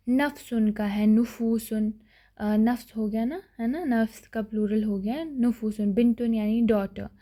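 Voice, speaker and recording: Lady teaching grammar, kinda high but mellow voice, patient, keeps repeating stuff. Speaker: Arabic teacher. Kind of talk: online grammar lesson.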